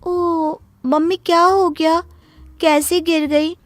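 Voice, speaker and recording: A woman's voice: very high voice, level tone, takes it slowly, no echo, soft background music. A woman voicing a spoiled young daughter. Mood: careless. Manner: careless, demanding. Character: spoiled young adult daughter, rude and lazy.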